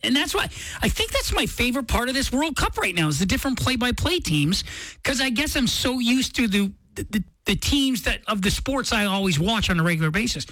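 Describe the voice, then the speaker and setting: Female radio morning host, higher voice, lively range, conversational and enthusiastic. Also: brisk, no room sound, low-quality recording. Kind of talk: casual radio chat.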